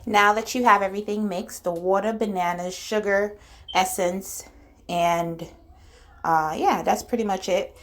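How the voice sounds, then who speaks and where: A woman's voice: mid-range voice, steady tone, unhurried, a bit bright. A woman with an Antiguan accent giving a casual, chatty cooking tutorial as the host of her channel. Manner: informal, chatty, instructional.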